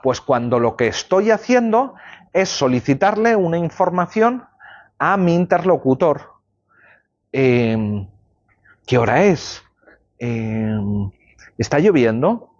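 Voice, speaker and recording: A man's voice: fairly high pitch, very animated, slow pace, long pauses, darkish tone. A male law lecturer giving a university class, explaining ideas with everyday examples and checking in with students. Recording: dull lo-fi classroom recording.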